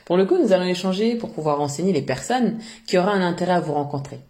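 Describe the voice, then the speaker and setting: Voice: medium pitch, lively intonation, quick pace, darkish tone. An interviewer who opens formally, asks questions and adds short friendly quips.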